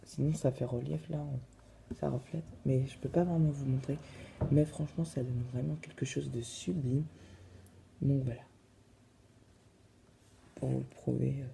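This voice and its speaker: A man's voice: medium pitch, gravelly, warm tone, a little hiss or hum. A man casually reviewing a phone in his vlog, hesitant and full of fillers. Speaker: vlogger.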